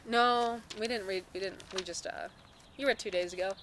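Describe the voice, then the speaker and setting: A woman's voice: mid-range voice, moderate pace, a bit bright, a little hiss or hum. A teenage girl co-hosting a casual chat, bantering and giggling. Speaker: co-host.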